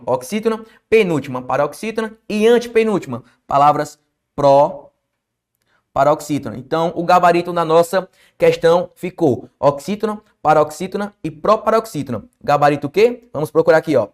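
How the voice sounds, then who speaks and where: A man with a Brazilian Portuguese accent teaches an exam-prep lesson in a fairly high voice. He stresses key words hard and keeps posing questions that he answers himself. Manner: emphatic, asks and answers his own questions.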